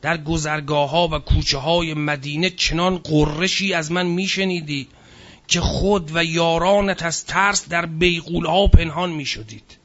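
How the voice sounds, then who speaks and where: A man's voice: on the high side, steady tone, fairly bright tone, muffled recording. A man giving a religious history lecture, reading passages aloud and adding casual spoken asides. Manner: reads from a book, then comments in casual speech.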